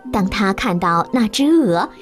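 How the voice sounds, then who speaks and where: A woman narrating a children's storybook slowly and expressively. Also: mid-range voice, over music. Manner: slow, expressive, lively storytelling.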